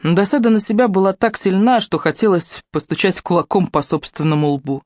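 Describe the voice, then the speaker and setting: A narrator reading a novel aloud in a steady, measured way into a close microphone. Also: mid-range voice, no room sound. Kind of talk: audiobook narration.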